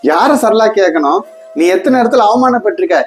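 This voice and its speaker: A woman playing a gentle, coaxing husband. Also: mid-range voice, lively intonation, fairly quick, soft background music, lightly acted. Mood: soothing. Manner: soothing, coaxing. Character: gentle, patient husband and adoptive dad. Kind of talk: comedy skit acting.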